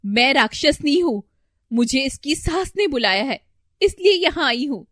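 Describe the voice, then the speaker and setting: A defiant, sharp-tongued young daughter-in-law in a storybook cartoon, as a woman plays her. Her voice is high and lively, and she talks loud and commanding. The sound is close and dry. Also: a little slow, no room sound. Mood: defiant scolding.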